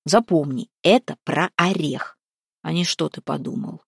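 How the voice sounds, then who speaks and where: A woman voicing a wily older tsar who explains things calmly to his son. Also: sits low, measured pace, creaky, husky, dry recording, studio quality, heavily acted. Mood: instructive. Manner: calm, knowing, instructive.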